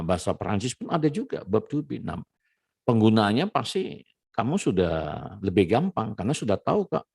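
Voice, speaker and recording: A man with a lowish voice gives a casual language lesson. He explains patiently, checking in with little "ya" and "nah" tags. The sound is dry and close, with no room echo. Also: creaky, darkish tone, husky. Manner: explains slowly, peppers phrases with "ya" and "nah". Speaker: French teacher.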